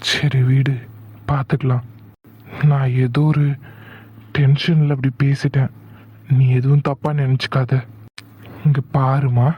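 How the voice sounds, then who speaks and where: A man voicing a hot-headed young man in a cartoon, insistent and quick to anger, then soothing his sweetheart. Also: mid-range voice, husky, no room sound, highs cut off. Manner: insistent, shifts from angry to soothing. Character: hot-tempered young man in love, teasing. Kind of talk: cartoon voice acting.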